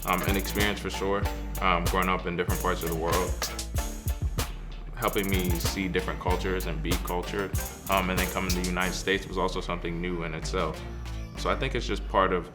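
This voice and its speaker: A young man, a college wide receiver who grew up in Ghana, speaking relaxed in a feature interview with many ums. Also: low-pitched, a little fast, over loud music. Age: young adult. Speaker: college football player.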